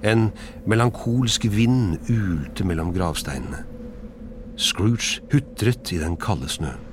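A man's voice: sits low, noisy background. Man narrating a dramatic storybook. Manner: expressive, dramatic reading.

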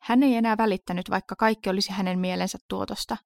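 A woman narrates a scripted horror story in a measured, steady way. Her voice has a gravelly fry, and the sound is close and dry. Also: mid-range voice, no echo.

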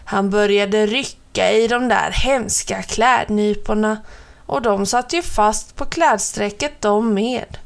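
A woman narrating a children's story in a gentle, expressive way. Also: mid-range voice, creaky.

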